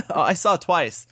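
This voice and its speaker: A wry, laughing man in his thirties co-hosts a casual podcast, animatedly telling stories. His voice is a little high, with no echo.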